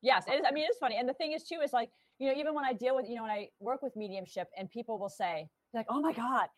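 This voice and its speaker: Woman medium chatting, kinda high voice, dry close sound, super animated storytelling. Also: very fast, no room sound, low-quality recording. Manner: lively, animated, acts out quotes with laughter. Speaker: guest medium. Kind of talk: casual storytelling chat.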